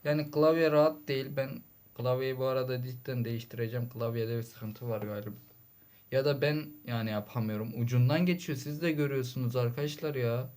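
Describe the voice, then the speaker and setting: A man's voice: mid-range voice, fairly quick, darkish tone. A man giving casual gameplay commentary, grumbling and exasperated, with sudden frustrated outbursts. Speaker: gaming channel host.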